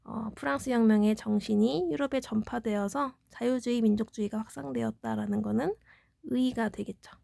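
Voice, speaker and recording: Female teacher, slightly high voice, walks students through exam material with rhetorical questions. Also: moderate pace, creaky, dark tone, no room sound. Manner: explanatory, poses questions then answers them. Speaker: middle school history teacher. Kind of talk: exam review lecture.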